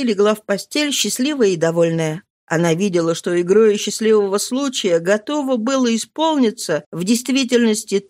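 Woman, audiobook narrator, measured, expressive, brightish voice, dry sound. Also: on the high side, dry recording. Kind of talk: audiobook narration of a classic novel.

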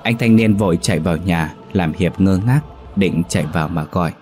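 A man's voice: deep voice, fairly quick, a little mellow, soft background music. A man narrating a ghost story dramatically and acting out each character.

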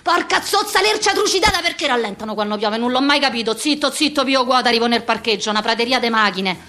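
A woman performs a theatrical slang monologue as a harried, foul-mouthed office worker of about fifty, ranting coarsely and rhythmically in a Roman accent. Her fairly high voice is animated, fast and sharp, and the mood is bitter and exasperated.

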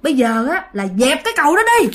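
Furious possessing male ghost done by a woman, very high shrill cries, swooping pitch. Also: big pitch swings, fast. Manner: shrill accusing shouts. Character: vengeful male ghost of a soldier possessing an old man, furious.

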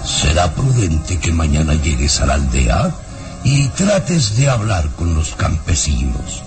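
A man's voice: very deep voice, big pitch swings, exaggerated voice. A man playing a menacing baron with false sympathy, theatrical and condescending, in an old radio show. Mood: scheming. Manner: theatrical, deliberate, condescending, mock-sorrowful. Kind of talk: old radio serial acting. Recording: old radio recording with music.

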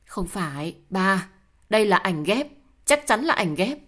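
A woman's voice: medium pitch, very animated, measured pace, a bit bright. Desperate young wife pleading, read by a woman. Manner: pleading, indignant.

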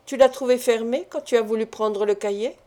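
A woman's voice: fairly high pitch, fairly quick, dark tone, lightly acted. Woman reading as a stern ailing old father. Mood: interrogating. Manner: pressing, questioning.

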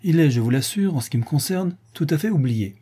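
A man reading an audiobook and voicing a gracious, kind society woman who speaks in a measured, reassuring way. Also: on the high side, expressive, warm tone, breathy edge, voice pushed up.

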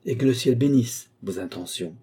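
A man's voice: mid-range voice, expressive, normal speed, mellow, husky. A man voicing a stern medieval monk who condemns two feuding lords in a firm, severe voice.

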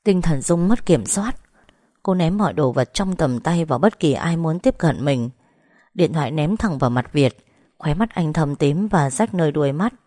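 A woman narrating a story in a calm, steady, scripted reading. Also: sits low, moderate pace, no room sound, clean studio sound.

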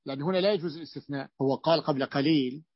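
Male sheikh, grammar lesson, quizzing students, rapid delivery, dull dry lo-fi recording. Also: fairly high pitch, dry recording. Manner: explanatory, asks students questions, many restarts. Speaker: sheikh teaching Arabic grammar.

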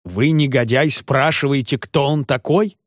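A man voicing an elderly gentleman in a rage, blustering and indignant. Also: mid-range voice, measured pace, no echo, clean studio sound, close to an everyday voice. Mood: furious. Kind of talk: audiobook character voice.

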